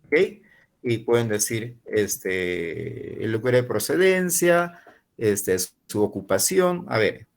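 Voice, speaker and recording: Slow-spoken man teaching English. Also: medium pitch, animated, gravelly. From Peru. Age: 40s. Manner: slow, drawn-out model phrases, repeating words for learners. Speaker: university English professor. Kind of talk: online class teaching English to Spanish speakers.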